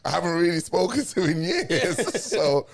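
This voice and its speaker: A man's voice: a little high, animated, normal speed, vocal fry, a crowd in the background. A man co-hosting a casual movie review chat, teasing and playful. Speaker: podcast co-host.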